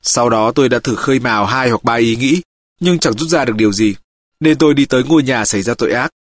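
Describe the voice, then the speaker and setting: A man reading an audiobook, voicing a calm, methodical male detective who reports his findings steadily. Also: medium pitch, fast, no echo, close to an everyday voice. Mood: measured.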